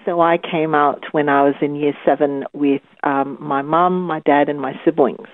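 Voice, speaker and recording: Over a tinny phone line, a clinical psychologist from Malaysia in her forties shares her life story as an interview guest. Her deep voice stays fairly even at a moderate pace, with no room sound, and she speaks thoughtfully with some fillers and small laughs.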